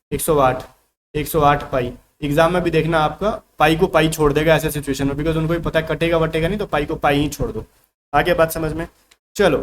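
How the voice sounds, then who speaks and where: Male math tutor, slightly higher voice, casual step-by-step explainer, faint background hiss. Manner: casual Hindi-English mix, talks through working step by step. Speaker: math teacher. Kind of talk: online exam-prep math class.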